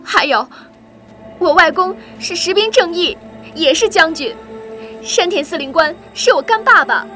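A woman voicing a frightened but haughty young female captive, with shrill pleading and boastful threats, over background music. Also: animated, measured pace, bright, forceful tone, heavily acted. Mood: defiant.

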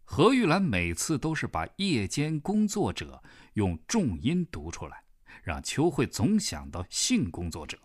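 A man narrating a novel as an audiobook reader, in measured storytelling. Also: medium pitch, wildly swooping pitch. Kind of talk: scripted narration.

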